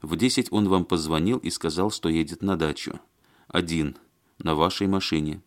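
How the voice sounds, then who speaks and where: A man reading an audiobook and voicing a calm, patient man who questions a witness in a measured, gently probing way. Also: low-pitched, lightly acted. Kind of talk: audiobook character voice.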